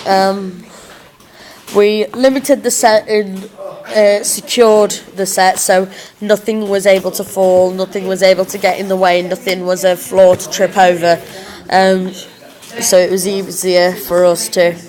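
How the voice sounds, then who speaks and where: A young woman with a slightly chavvy working-class English accent, giving an informal, halting spoken self-review as a drama student. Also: mid-range voice, little pitch movement, a little mellow. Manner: hesitant, halting, thinking aloud. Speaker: drama student recording a reflective blog.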